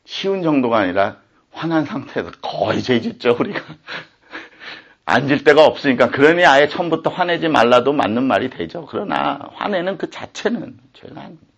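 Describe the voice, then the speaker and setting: A man's voice: mid-range voice, lively intonation, normal speed, gravelly, husky, dull audio. A man preaching a sermon as pastor, speaking in an indignant, impassioned way.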